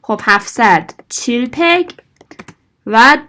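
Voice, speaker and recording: A woman with a somewhat high voice leads a language lesson. She explains grammar and numbers step by step, patiently, and drops Korean phrases in along the way. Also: expressive, sharp tone. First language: Persian.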